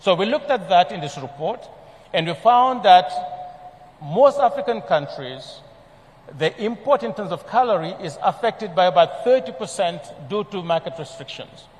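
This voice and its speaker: A man from Senegal presenting a report at a conference, speaking in a measured way with frequent fillers and restarts. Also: high-pitched, animated, a little mellow. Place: large conference hall. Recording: long hall reverb.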